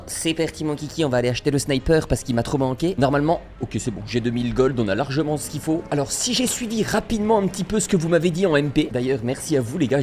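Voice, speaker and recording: This is a young man giving casual gameplay commentary for his viewers. His voice sits a little high and he talks in a slangy, excitable, chatty way. Faint game music plays behind him. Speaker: gaming YouTuber.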